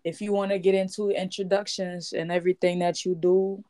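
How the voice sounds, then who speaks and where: A woman's voice: on the low side, level tone, brisk, dark tone, slight background noise. A woman hosting a casual podcast chat, bubbly and full of slang. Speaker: podcast host.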